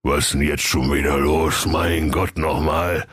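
A man's voice: rumbling low, little pitch movement, unhurried, fairly bright tone, husky, no echo, clean studio sound, heavily acted. A man playing a lazy, bumbling servant who whines and frets in a storybook tale. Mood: sheepish.

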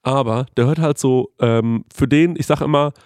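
A man's voice: mid-range voice, normal speed, darkish tone, smooth, no room sound, clean studio sound. A man hosting a casual chat, ranting animatedly with lots of swearing.

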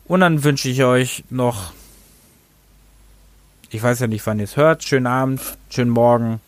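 A podcast host rambles through a casual game review show, often tripping over his words and correcting himself. He has a medium-pitched voice at a measured pace, with no echo.

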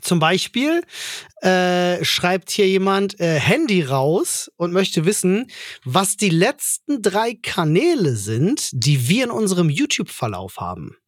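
High-pitched man in casual banter. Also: big pitch swings, measured pace, no room sound, clean studio sound. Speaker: podcast co-host.

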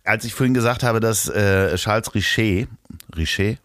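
Man, low voice, dry close sound, teasing podcast co-host, rambling chat with fillers. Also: moderate pace, fairly bright tone, dry recording. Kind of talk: casual chat. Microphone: remote call.

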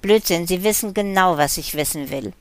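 A woman's voice: lowish voice, normal speed, no room sound, natural voice. Woman doing a threatening male intruder. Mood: harsh.

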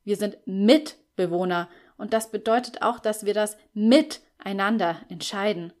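A woman reading a calm young flatmate. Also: mid-range voice, measured pace, lightly acted. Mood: diplomatic. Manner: calm, reasoning, laid-back. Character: easygoing diplomatic young male flatmate.

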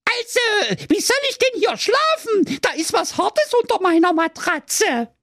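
Bratty young princess, shrieking high, whiny, storybook voice, dry close sound. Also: male voice, sing-song, unhurried, a bit bright, no room sound, exaggerated voice. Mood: indignant. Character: shrill bratty young princess, demanding and loud.

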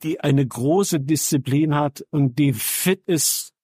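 Here the voice is a little high, darkish and slightly rough, and he takes his time. He's a man in his seventies from Saxony, a longtime radio journalist and musician, trading casual anecdotes as an interview guest in a wry, colloquial, plain-spoken manner. Studio quality, dry recording.

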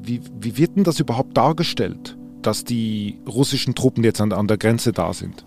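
A man's voice: medium pitch, normal speed, a little mellow, soft background music. A man hosting a conversational news interview. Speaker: podcast host.

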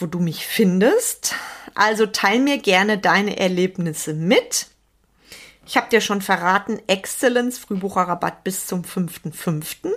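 A woman's voice: medium pitch, fairly bright tone. A woman hosting her own motivational podcast for business owners, speaking earnestly and repeating key words for emphasis. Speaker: podcast host and business coach.

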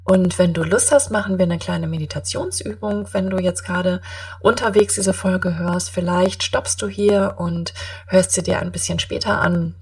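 Emphatic woman podcast host, slightly low voice. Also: steady tone, moderate pace, slightly rough, far from the mic. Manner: emphatic, repeating and rephrasing key points. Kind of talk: encouraging self-help monologue addressed to the listener.

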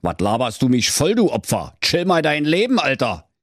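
A man's voice: mid-range voice, huge pitch swings, moderate pace, no room sound, clean studio sound, pitched above the performer's own voice. A man voicing a cocky, bossy teenage male wolf with a thick Berlin dialect and brash slang.

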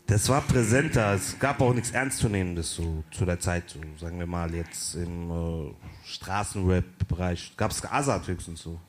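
A man with a lowish voice, speaking casually on stage as a rapper guest. He talks in a laid-back, halting way and tends to trail off with filler words. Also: a little hiss or hum. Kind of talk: casual chat on a live stage.

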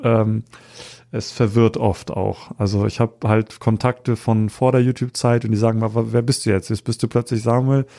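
This Hamburg man in his thirties speaks with a fairly low, warm voice, flat delivery and normal speed. A street photographer guesting on a podcast, he keeps the interview chat casual and hesitant, leaning on many fillers.

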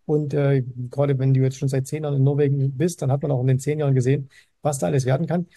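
A man hosting a podcast interview in a casual, halting way, with many fillers and restarts. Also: medium pitch, flat delivery, mellow, no room sound, studio quality. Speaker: podcast host. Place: Dubai.

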